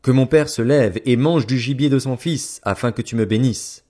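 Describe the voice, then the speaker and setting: Bitter elder son, pleading and strained, higher and louder, as a man puts him on. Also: normal speed, close to an everyday voice.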